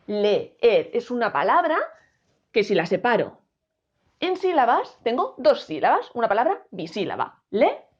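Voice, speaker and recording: A woman teaching a grammar lesson, explaining slowly and clearly, splitting words into syllables and speaking straight to viewers. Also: fairly high pitch, huge pitch swings, highs cut off. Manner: addresses viewers directly, asks rhetorical questions.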